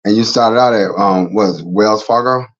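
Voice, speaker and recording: A man's voice: on the low side, normal speed. A middle-aged man hosting a casual faith talk show, rambling and repeating words as he goes. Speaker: host. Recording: slightly dull, lo-fi sound.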